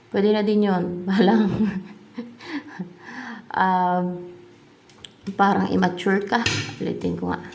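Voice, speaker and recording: A woman with a low, gravelly voice gives a tarot reading to her viewers in a loose, chatty way, thinking aloud as she turns the cards. She drops English words in as she goes. A faint hiss of noise runs under the recording. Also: a little mellow. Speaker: tarot reader.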